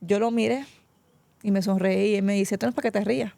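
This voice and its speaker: A middle-aged woman tells her life testimony as a guest, heartfelt and close to tears. Her voice is deeply gravelly and mellow. The recording is dry and close. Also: steady tone, quick pace, no echo. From Puerto Rico. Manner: tearful, heartfelt storytelling, often addressing the host by name. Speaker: pastor, interview guest. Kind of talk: emotional personal testimony.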